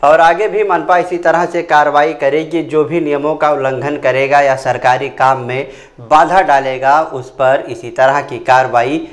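A man reporting a local news story as a voice-over, in a steady reading manner. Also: a little high, moderate pace.

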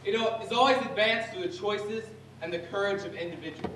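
A man's voice: high voice, fairly quick, background noise. A man giving a solemn theatrical speech on a stage. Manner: solemn, declaiming. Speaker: stage performer. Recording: echoey theater from far off, music behind.

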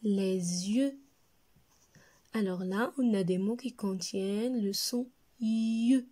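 Moroccan french lady teacher, reads real slow for little kids, says every word twice, soft mellow voice. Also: a little high. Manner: slow, deliberate, repeats each word for pupils. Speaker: primary school teacher. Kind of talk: slow reading lesson for young children.

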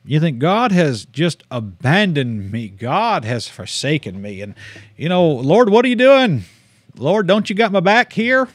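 A man's voice: on the high side, big pitch swings, measured pace, no room sound. A man in his thirties with a Southern American accent, preaching casually on a livestream, folksy and self-deprecating, often laughing at himself. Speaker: missionary preacher. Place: small studio with purple-lit shelves. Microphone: studio desk mic.

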